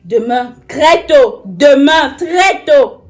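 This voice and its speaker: A woman's voice: sits high, animated, normal speed, faint music behind. An actress playing a tired woman pleading with her uncle, insistent and exasperated.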